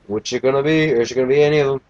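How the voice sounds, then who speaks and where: A man's voice: mid-range voice, fairly even intonation, very fast, darkish tone, lo-fi sound, a little hiss or hum. A young man casually commentating a video game, tired and yawning, with a crude, joking, rambling manner. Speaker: let's play gamer.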